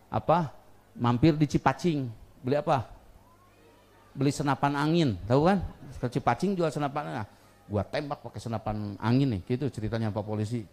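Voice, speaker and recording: A man preaching a sermon to a live audience, telling animated stories with a touch of humor. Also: medium pitch. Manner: lively, animated storytelling with acted quotes and humor. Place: lecture hall with audience.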